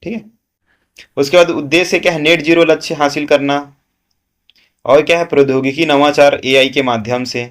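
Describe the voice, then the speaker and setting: A man's voice: on the high side, steady tone, moderate pace, pauses often. A man teaching a current affairs lesson for exam students, asking questions and answering them himself, with frequent "है ना" checks.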